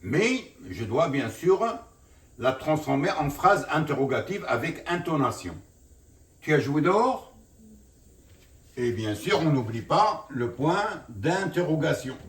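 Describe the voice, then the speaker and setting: A man teaching a grammar lesson as a French teacher, explaining slowly and often repeating "bien sûr". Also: a little high, big pitch swings, fairly bright tone. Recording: roomy, from far off the mic.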